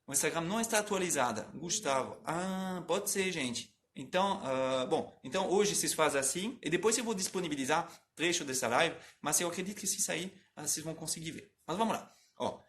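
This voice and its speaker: A man's voice: on the high side, expressive, brisk, few pauses, fairly bright tone, a little hiss or hum. A young man from France with a French accent, teaching a live online lesson, greeting viewers by name and drilling tongue twisters with exaggerated articulation. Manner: reads and answers viewers' comments. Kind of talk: live-streamed language lesson.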